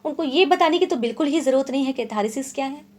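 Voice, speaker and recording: A woman from India teaching English literature in an exam-prep lecture, explaining terms plainly and reading definitions slowly and deliberately. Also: high-pitched, lively intonation, a little mellow. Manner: checks in often with short confirming asides.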